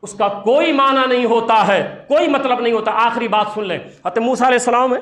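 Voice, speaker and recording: A man's voice: very high-pitched, fairly bright tone, echoey room. A man from India preaching a sermon, telling stories with passion and repeating key phrases for emphasis. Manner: impassioned storytelling with emphatic repetition. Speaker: Islamic preacher.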